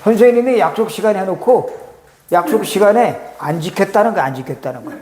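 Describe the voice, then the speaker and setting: Male pastor, sermon, rhetorical questions, fairly high voice, roomy hall reverb. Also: expressive, fairly quick, darkish tone. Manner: preaching with rhetorical questions to the congregation. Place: church sanctuary. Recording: echoey church hall reverb.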